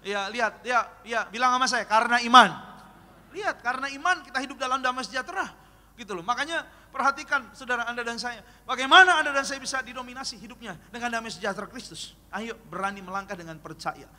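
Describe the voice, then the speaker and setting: A man, a pastor, preaching an animated sermon and telling joking stories full of acted-out dialogue. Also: very high voice, fast talker. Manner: animated, joking, acts out dialogue in his story. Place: church hall. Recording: long hall reverb, faint noise.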